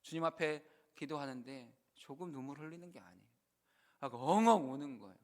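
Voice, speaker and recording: A man's voice: a little high, a little fast. Earnest preaching man, raised voice. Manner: earnest preaching, swings between loud emphasis and hushed quoted prayers. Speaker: pastor. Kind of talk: sermon.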